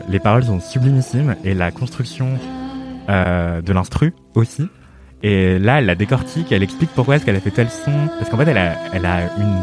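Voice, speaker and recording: A man chatting on a podcast, gushing and talking fast, with lots of fillers and restarts. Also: lowish voice. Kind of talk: casual podcast chat.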